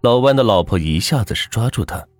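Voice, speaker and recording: A man tells a ghost story in a husky, fairly low voice whose pitch rises and falls with the drama. The sound is dry and close to the mic. Soft music plays faintly underneath. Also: lively intonation, brisk, no echo.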